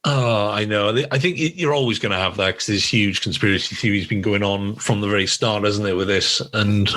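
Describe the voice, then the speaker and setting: A man's voice: on the low side, fairly quick, pushed and bright, a little hiss or hum. A man interviewing casually, conversational and a little hesitant, often seeking agreement. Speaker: interviewer, host. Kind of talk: casual chat.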